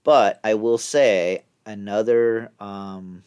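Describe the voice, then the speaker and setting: A man with a fairly low voice talks through a session recap for his vlog. His delivery is casual and halting, as he pieces his thoughts together aloud. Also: a little mellow, smooth. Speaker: vlogger.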